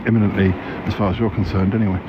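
Low-voiced man rambling over loud travel noise. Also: little pitch movement, very fast. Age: 40s. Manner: rambling, informal, hesitant. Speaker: podcast host. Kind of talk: casual audio diary while travelling. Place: out and about at a station and on a train. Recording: muffled field recording, loud transport noise. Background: loud station and train noise.

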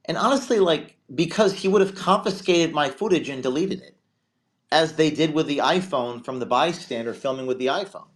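A man's voice: fairly high pitch, moderate pace. A man hosting a casual livestream, talking conversationally and often repeating words as he restarts sentences. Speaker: livestream host.

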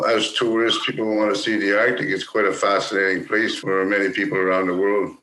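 A man hosting a conversational podcast interview, phrasing his questions haltingly and rewording as he goes. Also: on the low side, fairly bright tone, slight background noise. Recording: roomy, echoing sound.

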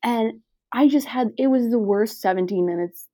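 A woman's voice: a little high, normal speed, dry recording. Young woman, casual podcast co-host, chatty storyteller with lots of fillers, dry close sound. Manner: chatty, animated, lots of "like", acts out quoted voices.

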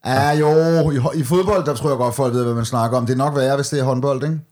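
A man's voice: medium pitch, darkish tone. Casual man chatting about sport. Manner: colloquial, mild swearing. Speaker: podcast co-host. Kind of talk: casual chat, football watch-along commentary.

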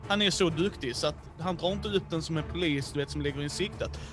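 Animated man narrating a role-playing game. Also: on the high side, over music. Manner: animated, many fillers. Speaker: game master. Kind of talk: casual role-play narration.

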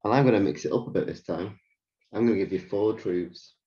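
A man's voice: fairly low pitch, brisk, mellow, muffled recording. A man co-hosting a casual film podcast with his child, explaining and recapping plots in an easygoing way. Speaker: podcast co-host, father. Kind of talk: casual chat.

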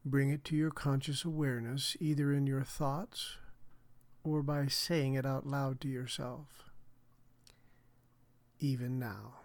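A man speaking as a hypnotherapist on a podcast, measured and soothing in his delivery. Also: mid-range voice, flat delivery. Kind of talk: guided hypnotic relaxation and explanation.

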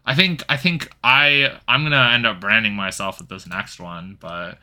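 A man co-hosting a casual podcast chat, quick with asides and often restarting his sentences. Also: on the low side, fairly even intonation, bright, forceful tone. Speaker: podcast co-host.

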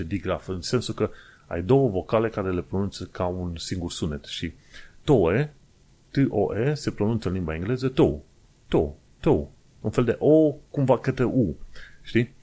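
A man's voice: fairly low pitch, a little mellow. A man from Romania talking casually in a monologue, explaining things step by step in a chatty, digressive way with small hesitations.

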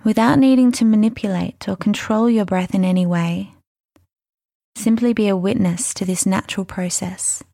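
A woman leading a guided mindfulness meditation, speaking softly and soothingly, unhurried and gentle, with breathy phrase endings. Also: mid-range voice, dry recording, clean studio sound. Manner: soothing, unhurried, gentle instruction with long pauses.

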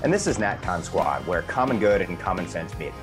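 A man with a very deep voice opens a podcast episode with a brisk, upbeat scripted introduction. Faint music plays behind him. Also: very animated. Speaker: podcast host. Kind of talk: show introduction.

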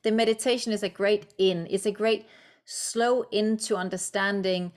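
A Danish woman, a native Danish speaker, talks in English as a guest author and coach on a podcast. Her voice is medium-pitched and steady, moving at a moderate pace. She sounds encouraging and reflective, with lots of fillers.

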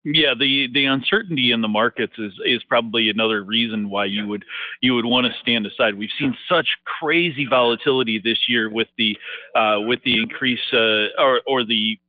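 Play a man talking over the phone, halting with many fillers as he explains markets. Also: mid-range voice, dry recording. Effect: heard over the phone. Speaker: market analyst guest. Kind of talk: market commentary interview. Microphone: telephone. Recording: dry tinny phone line.

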